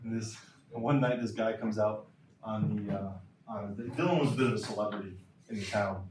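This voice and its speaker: A man's voice: on the low side, normal speed, distant mic, background noise. A man coaching throwers in a clinic lecture, emphatic and repeating key points, in a lecture hall. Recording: roomy lecture hall from afar.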